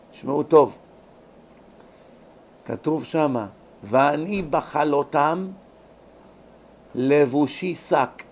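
Fiery preaching man, highish voice. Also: a little mellow. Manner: preachy, dramatic, acts out pleading voices. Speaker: rabbi lecturer. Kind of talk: sermon.

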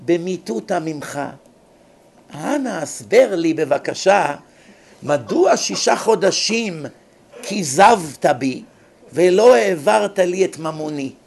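A man playing an overly polite, formal worker who speaks slowly and stiltedly to his boss. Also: high voice, lively intonation, creaky, a little mellow. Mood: mock-formal. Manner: slow, stilted, old-fashioned courtesy.

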